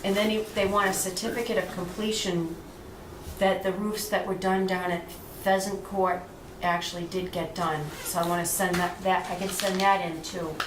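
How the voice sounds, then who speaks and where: A woman's voice: lowish voice, flat delivery, normal speed. Woman staff member at a board meeting, recorded on old camcorder audio from across a hissy, echoing room. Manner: explains procedures step by step, with restarts. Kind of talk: casual meeting talk. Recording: echoey room, distant camcorder mic, hissy.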